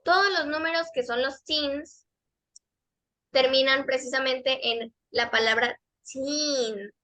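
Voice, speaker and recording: A woman teaching a pronunciation lesson to kids and teens, her voice high and notably bright. She explains patiently, step by step, and repeats each model word several times. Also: steady tone, slow. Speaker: English teacher.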